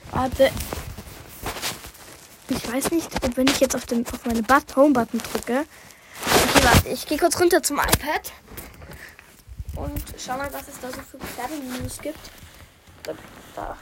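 Chatty high-voiced young woman podcasting. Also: steady tone, a little slow, long pauses, very noisy. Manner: chatty, scattered, self-interrupting, often drops to a whisper. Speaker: podcast host. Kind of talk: casual solo podcast chat. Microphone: phone, no microphone.

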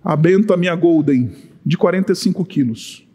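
A man with a Brazilian Portuguese accent preaching a sermon, impassioned and rising to shouts on key points. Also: fairly high pitch, normal speed, husky, big-room sound. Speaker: pastor.

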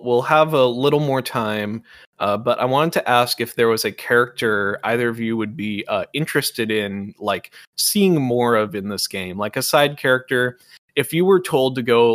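A man's voice: medium pitch, fairly bright tone, dry recording, clean studio sound. A man co-hosting a casual gaming podcast, rambling with lots of filler words and leading the talk with questions. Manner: rambling, heavy use of "like" and "uh"; leads the discussion with questions. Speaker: podcast co-host. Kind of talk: casual chat.

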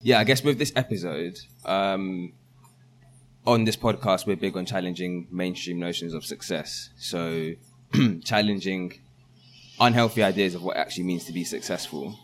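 Deep-voiced young male podcast host. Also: moderate pace, slight background noise. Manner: relaxed, loose, frequent fillers. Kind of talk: casual podcast interview.

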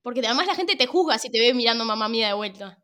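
A woman in her twenties with a Rioplatense Spanish accent, co-hosting a film podcast with teasing, quick-witted banter. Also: a little high, lively intonation, pushed and bright. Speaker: podcast co-host. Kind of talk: casual chat.

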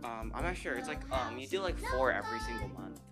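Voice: lively intonation, quick pace, over loud music. A guest on a school podcast whose voice runs through a voice changer, chatting in a goofy, joking way. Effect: voice changer morphing the voice low. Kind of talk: playful casual chat.

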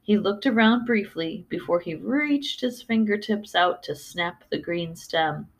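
A woman's voice: mid-range voice, lively intonation, a little slow. A woman hosting a story podcast, telling tales and chatting in an informal way with rambling asides. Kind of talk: storytelling and casual commentary. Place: room in a house.

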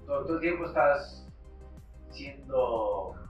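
A man's voice: medium pitch, lively intonation, slow. A man with a Mexican accent chatting casually and with slang as a podcast co-host. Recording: muffled, very echoey room, distant mic, music.

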